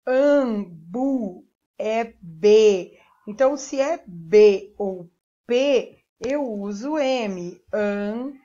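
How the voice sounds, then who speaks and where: A woman's voice: fairly high pitch, darkish tone. A Brazilian woman teacher giving a primary school lesson, patiently spelling out sounds and syllables one by one. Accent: Brazilian Portuguese. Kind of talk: remote classroom lesson. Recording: dull lo-fi recording.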